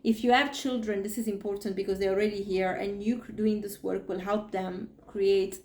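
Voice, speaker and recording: A woman's voice: medium pitch, normal speed, reverberant. A woman in her forties, a podcast host and spiritual coach, talking casually and emotionally, often acting out her own inner thoughts. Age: 40s. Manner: animated, emotional, restarts and acted-out inner thoughts.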